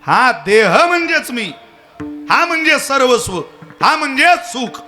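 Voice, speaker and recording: A man's voice: very high-pitched, unhurried, soft background music. A man giving a devotional kirtan sermon with a Marathi accent, telling stories and acting out characters' lines for the audience. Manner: storytelling with lively voiced characters and questions to the audience. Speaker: kirtan preacher.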